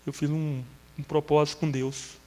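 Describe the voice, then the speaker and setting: A man's voice: fairly high pitch, little pitch movement, moderate pace, in a large hall. A middle-aged man giving an earnest, emotional testimony in an interview, telling his story at length. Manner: earnest, storytelling, breaks into tears and shouts when moved. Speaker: church member giving testimony.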